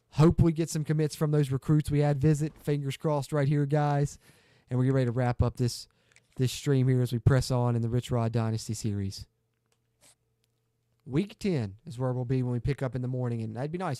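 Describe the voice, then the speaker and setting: A man with a dark, mid-range voice streams a football video game. He chats upbeat with viewers while he plays, giving casual livestream commentary.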